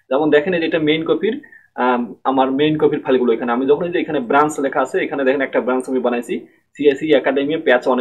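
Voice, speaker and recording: Sitting at his computer, a man records a programming tutorial of his screen, explaining things step by step and regularly checking that listeners follow. His voice is a little high, darkish, and breathy, captured in a low-quality recording.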